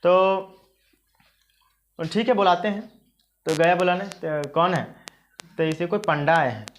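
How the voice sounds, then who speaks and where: A teacher, telling a folk tale in a lively, chatty classroom style and checking in with listeners. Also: medium pitch, takes it slowly.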